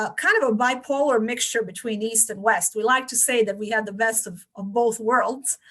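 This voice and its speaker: A woman in her forties with a Bosnian accent, a podcast guest telling her life story in a reflective, measured way. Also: a little high, a bit bright. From Bosnia and Herzegovina. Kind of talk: interview storytelling.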